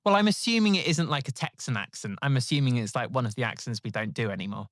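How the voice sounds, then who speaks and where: A man's voice: medium pitch, expressive, fast, no room sound, studio quality. A man hosting a comedy podcast, chatting in a wry, rambling way with frequent laughs. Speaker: podcast host. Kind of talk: casual comedic chat.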